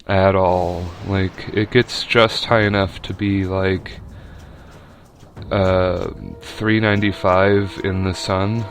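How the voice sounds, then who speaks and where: A man's voice: deep voice, flat delivery, slow, slight background noise. A young man giving casual, rambling commentary over a video game battle, with lots of fillers and restarts.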